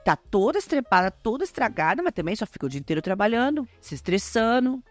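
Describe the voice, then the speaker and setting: A woman with a Brazilian Portuguese accent hosting a podcast, talking casually and lively to her listeners. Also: on the high side, fast talker, soft background music. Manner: chatty, lively, addresses listeners as gente. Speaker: podcast host.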